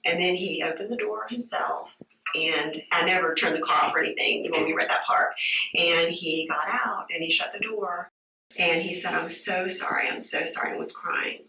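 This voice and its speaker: A woman's voice: lowish voice, sharp tone. Shaken woman in a roomy interview tape. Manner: halting, repeats herself, many fillers. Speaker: witness giving a statement. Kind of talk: recounting an ordeal to investigators. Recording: roomy, distant, dull interview-room tape.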